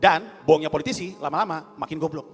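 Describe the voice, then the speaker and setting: A man doing an animated stand-up comedy routine on a hall stage, acting out other people's voices. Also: on the high side, fast talker. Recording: long hall reverb, faint ambience.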